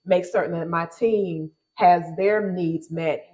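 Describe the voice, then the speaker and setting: Emphatic woman host, lowish voice. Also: steady tone, slow, a little mellow, rough recording. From Detroit, Michigan. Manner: emphatic, encouraging, frequent affirmations. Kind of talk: casual panel talk.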